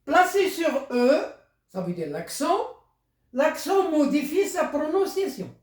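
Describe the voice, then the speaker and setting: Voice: sits high, big pitch swings, takes it slowly. A teacher giving a primary school lesson, explaining step by step and repeating words for the pupils. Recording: echoey room.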